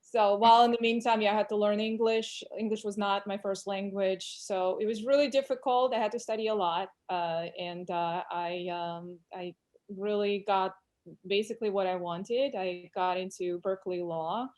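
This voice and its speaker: A woman's voice: medium pitch, fairly even intonation, normal speed, darkish tone. Woman telling her story. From Russia. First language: Russian. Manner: candid, reflective storytelling. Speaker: employment lawyer, guest. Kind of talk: casual interview chat.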